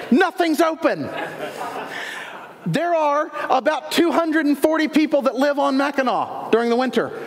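A man preaching a sermon, telling a lively personal story with acted-out dialogue. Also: extremely high pitch. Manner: lively storyteller, acts out dialogue, laughs along. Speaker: pastor. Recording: long reverb of a large hall.

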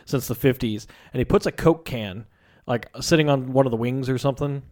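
A man chats casually in a middle-pitched voice as he walks through a movie scene by scene. He tells it with animation and slips in little acted lines of dialogue. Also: brisk. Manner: animated storyteller, acts out characters' lines. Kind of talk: casual chat retelling a movie.

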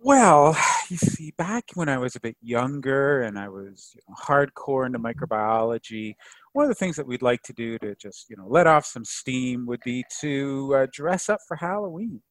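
A man chatting casually as a podcast guest, telling anecdotes in an animated, jokey way. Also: medium pitch, moderate pace, no echo, low-quality recording. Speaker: podcast guest, microbiology expert.

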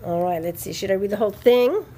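Lively, blunt woman podcast co-host. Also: medium pitch, fast talker, a little hiss or hum. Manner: lively, laughing, blunt and profane. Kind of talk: casual podcast chat.

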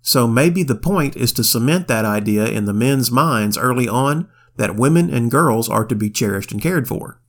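A man's voice: mid-range voice, animated, moderate pace, few pauses. Man retelling scripture in folksy slang. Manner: retells scripture in folksy slang, quotes in King James wording. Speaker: podcast co-host reading the Bible. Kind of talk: casual Bible study chat.

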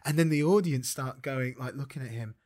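A man's voice: medium pitch, fairly quick. A man co-hosting a comedy podcast, telling a rambling story in casual chat. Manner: animated storytelling, rambling, laughing. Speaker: podcast co-host.

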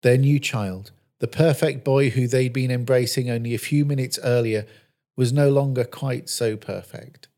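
A man preaching, telling a Bible-based story in a measured, earnest storytelling manner. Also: medium pitch, fairly even intonation, warm tone. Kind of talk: scripted sermon narration.

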